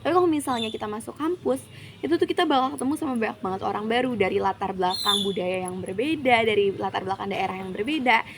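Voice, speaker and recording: A woman's voice: medium pitch, fast. A chatty young woman from Jakarta talks casually as an interview guest, slipping English phrases into her sentences. The recording carries a faint background hiss. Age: young adult. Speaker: university student guest.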